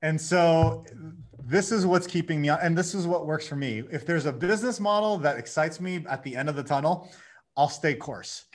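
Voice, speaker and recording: A man in his thirties, a guest on a podcast, telling his story in a lively way and acting out his own inner dialogue. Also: fairly high pitch, moderate pace. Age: 30s. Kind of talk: casual conversation.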